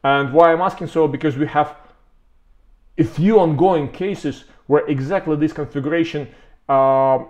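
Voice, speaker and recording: A man's voice: fairly high pitch, normal speed, a little mellow, dull audio. A man gives a conversational product talk from a webcam, stopping often to rephrase and repeating words for emphasis. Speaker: company representative presenting products.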